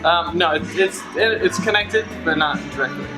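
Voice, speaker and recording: A man's voice: fairly high pitch, moderate pace, music in the background, low-quality recording. Hesitant young man, lots of ums. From Venezuela. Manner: hesitant, many ums and likes. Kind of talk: casual interview answers.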